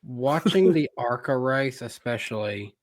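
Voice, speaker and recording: Low-key man making short remarks. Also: animated, unhurried, dry recording, studio quality. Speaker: podcast co-host. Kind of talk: casual motorsport chat.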